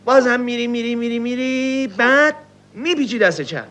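A man's voice: very high-pitched, a bit bright. A man voicing a sly, scheming male animal in a puppet show, giving long, sighing, repetitive directions. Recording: dull lo-fi TV audio.

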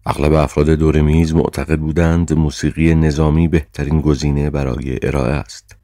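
A man reading a novel aloud as the audiobook narrator, in an even, measured storytelling manner. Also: extremely low pitch, no echo, studio quality. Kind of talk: scripted narration.

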